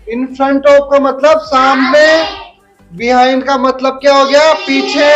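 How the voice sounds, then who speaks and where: High-pitched lady teacher quizzing little kids, dull lo-fi sound. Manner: slow, drawn-out teacherly calls and questions to the class. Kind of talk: classroom grammar lesson for children.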